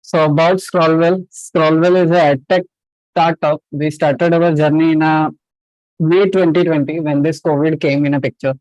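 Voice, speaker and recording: A man's voice: fairly high pitch, fairly even intonation, moderate pace, darkish tone, no echo, rough recording. Man hosting an online webinar. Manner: repeats short confirmations and checks in with listeners. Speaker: webinar host and trainer. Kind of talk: interactive webinar presenting. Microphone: online video call.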